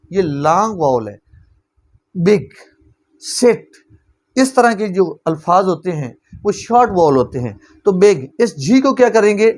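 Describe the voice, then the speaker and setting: A man's voice: sits high, darkish tone. A man teaching English grammar, explaining step by step and answering his own questions.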